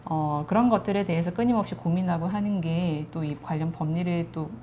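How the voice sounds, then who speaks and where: A woman in her thirties with a lower, mellow voice lays out legal procedure step by step in a patient, measured way. She speaks as an invited lawyer, with a faint hiss of noise behind her. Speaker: lawyer guest. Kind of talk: explanatory legal commentary.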